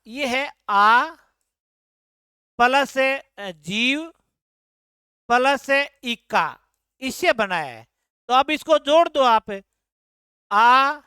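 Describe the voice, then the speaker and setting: Woman tutor explaining answers, high and smooth. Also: sharp tone, dry recording, clean studio sound. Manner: explanatory, repeats answers as questions. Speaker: exam tutor. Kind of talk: explaining exam answer key.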